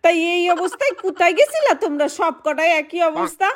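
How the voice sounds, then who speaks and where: Woman doing a shouting old village grandmother. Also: extremely high pitch, very animated, fairly quick, soft background music, pitched above the performer's own voice, exaggerated voice. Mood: grumbling. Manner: shouting, bossy, scolding. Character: scolding elderly village mother with a broom.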